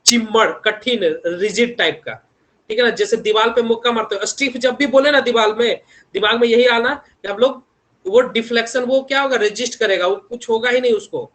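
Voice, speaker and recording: High-pitched young male lecturer a lilt, chatty teaching tone full of check-ins and homely examples. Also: brisk, fairly bright tone. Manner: repeats tag questions constantly, homely examples. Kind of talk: online engineering lecture.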